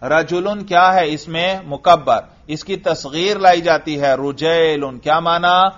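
A man's voice: fairly high pitch, fairly bright tone. A man teaching grammar in a classroom, quizzing and patiently praising a student. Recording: dull lo-fi recording.

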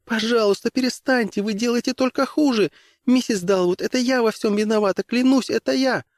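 A male audiobook reader voicing a young woman passenger who pleads in a high, breathless rush. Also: fairly quick, dry recording, clean studio sound. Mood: pleading.

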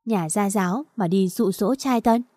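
A woman voicing a spoiled, pushy young woman who talks in a shrill, wheedling way. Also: normal speed, mellow, dry recording, clean studio sound, close to an everyday voice. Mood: sneering.

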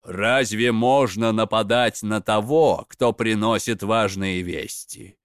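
A man reading a fairy tale aloud and voicing a sly, scheming male god of the underworld who gives mocking advice in an unhurried way. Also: on the low side, smooth, no room sound, studio quality, pitched below the performer's own voice.

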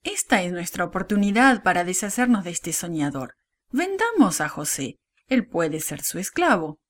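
A woman voicing Judah, a scheming older brother, in a children's Bible story with an excited, eager delivery. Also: lowish voice, normal speed.

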